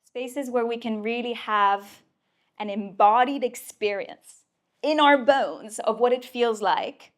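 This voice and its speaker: A woman giving an inspirational talk to a live audience at a mentoring event, playful and emphatic, with casual swearing. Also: on the high side. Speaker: speaker at a mentoring community event.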